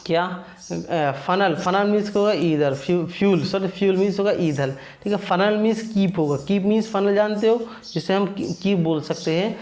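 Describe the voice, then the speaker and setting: A man with a high voice teaches vocabulary in a relaxed, repetitive way. He asks little questions and answers them himself, and he corrects his own slips as he goes. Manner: casual, self-correcting. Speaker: online English vocabulary teacher. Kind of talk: classroom vocabulary lesson.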